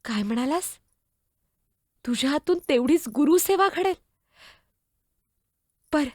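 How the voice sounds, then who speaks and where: High, blunt young girl saint, devoted to her brothers, played by a woman in a solo stage drama; dry sound, faint music behind. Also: a little slow, dry recording. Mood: tender. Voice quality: blunt, sharp-tongued. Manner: pleading and expressive, speaks to unseen people.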